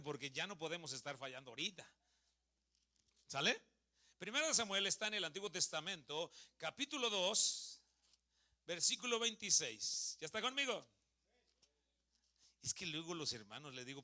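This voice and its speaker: A Mexican man in his thirties preaching a sermon in a church hall, asking the congregation questions and joking with them. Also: high voice. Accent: Mexican Spanish. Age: 30s. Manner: lively, asks the congregation questions and jokes with them.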